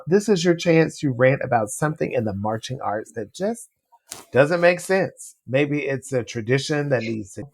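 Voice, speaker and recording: A podcast host introducing a segment in a playful, upbeat way. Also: medium pitch.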